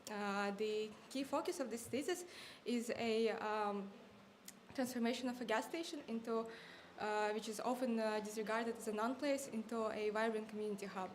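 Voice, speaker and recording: A woman's voice: a little high, normal speed, slight background noise. Nervous young woman giving a thesis defense. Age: 20s. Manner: nervous, apologetic, hesitant academic delivery. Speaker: master's student defending a thesis.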